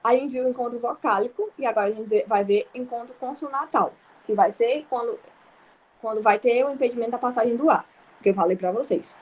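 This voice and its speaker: A woman's voice: on the high side, a little fast, darkish tone. A young Brazilian woman teaching an online grammar lesson, explaining patiently with examples and checking that students follow. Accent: Brazilian Portuguese.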